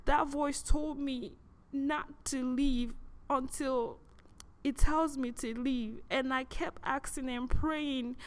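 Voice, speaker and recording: Halting, raised-voice woman giving testimony. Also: high-pitched, fairly even intonation. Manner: halting, repetitive, with many restarts and sighs. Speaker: speaker giving a personal testimony. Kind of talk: personal testimony.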